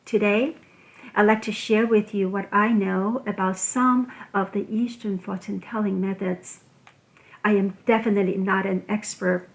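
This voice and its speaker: A woman from Taiwan, hosting a scripted solo talk and listing points in a measured, deliberate way. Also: medium pitch, creaky, poor audio. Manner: measured, deliberate delivery listing items one by one. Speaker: podcast host.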